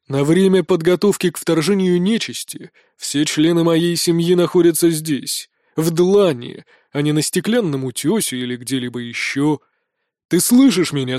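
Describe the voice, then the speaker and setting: A domineering king and furious father, as an audiobook reader puts him on, booming and scolding in a fairly high male voice. The recording is dry and close, with no room sound at all. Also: darkish tone, no echo, close to an everyday voice. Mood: stern. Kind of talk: audiobook character voice.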